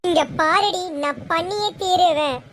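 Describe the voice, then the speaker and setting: Lady voicing a mean bossy mother-in-law, super high voice, bit of background hiss. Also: measured pace. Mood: scolding. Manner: scolding, contemptuous. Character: scornful domineering middle-aged mother-in-law. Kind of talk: amateur serial voice acting.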